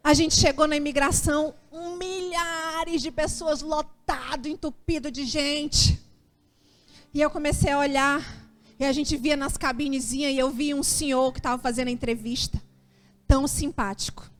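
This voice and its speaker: High-voiced Brazilian woman pastor, animated sermon. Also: moderate pace. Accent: Brazilian Portuguese. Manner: animated storytelling, acting out her own anxious prayers. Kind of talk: sermon testimony.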